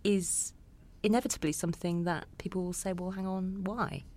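A woman's voice: lowish voice, steady tone, normal speed, a little mellow. A woman hosting a panel discussion, asking probing questions and searching for words. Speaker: host.

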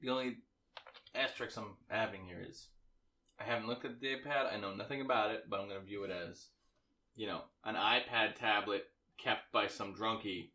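A man playing a tabletop game, talking bluntly and casually, swearing freely and thinking out loud. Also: fairly low pitch, fairly quick, reverberant. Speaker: player. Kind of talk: casual chat.

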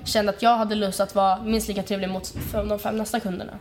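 A woman's voice: mid-range voice, little pitch movement. A young adult woman co-hosting a podcast in casual chat, talking frankly with lots of fillers and the odd swear word. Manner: chatty, frank, swears freely, many fillers. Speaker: podcast co-host.

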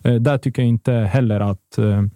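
A man with a dark, mellow voice, talking football in a loose podcast chat. He is emphatic and rambles, circling back and restarting his sentences as he goes. His delivery is close and dry. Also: medium pitch, fairly even intonation, dry recording. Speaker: football pundit.

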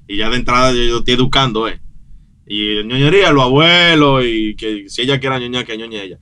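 Guy chatting on a podcast, blunt, gets animated, acts out quotes. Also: mid-range voice, brisk, clean tone. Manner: animated, blunt, mixes quoted voices into his stories. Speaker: podcast guest, new father. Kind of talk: casual chat.

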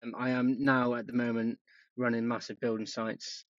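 A man's voice: mid-range voice, flat delivery, normal speed, no room sound, muffled recording. A man in his thirties from Wales, a performance coach talking casually as a podcast guest, with lots of ums and yeahs. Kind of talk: podcast interview.

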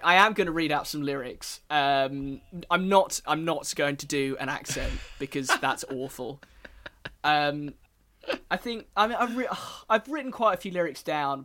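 Podcast host, man, bright and slightly high voice, halting casual delivery. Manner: hesitant, lots of ums and restarts.

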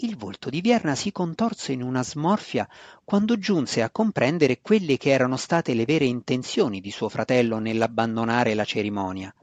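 A man reading a fantasy novel aloud as audiobook narrator, in a measured storytelling voice. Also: medium pitch, animated, no room sound, dull audio.

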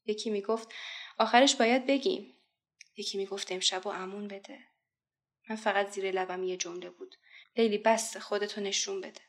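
A woman talking about a song and then reciting its lyrics in a soft voice that sinks almost to a whisper on the saddest lines. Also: medium pitch, steady tone.

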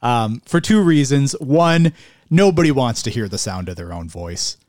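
A man's voice: mid-range voice, animated, moderate pace, darkish tone, no echo, clean studio sound. A man with a slightly nasal voice hosting a casual comedic podcast, upbeat and jokey. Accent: Buffalo, New York. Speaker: podcast host.

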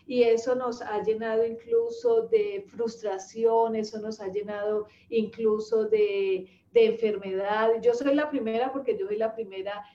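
A woman in her fifties speaks slowly and reflectively, pausing often with soft hesitations. Her voice is mellow and warm. It sounds a little dull, as if recorded in an echoey room. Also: on the high side, fairly even intonation. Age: 50s. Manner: unhurried, reflective, with many hesitations. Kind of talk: reflective personal talk. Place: rural home with animals nearby.

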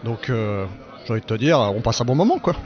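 A young man from Normandy who works as a vineyard hand, chatting in a relaxed, easygoing way in a festival interview. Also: mid-range voice. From Normandy, France. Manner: relaxed and chatty, quick to laugh. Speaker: vineyard worker. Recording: muffled lo-fi recording outdoors.

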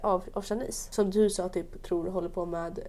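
A young woman, co-hosting a podcast in casual chat and acting out the quotes in her stories. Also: lowish voice. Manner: animated storyteller who acts out quotes. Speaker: podcast co-host.

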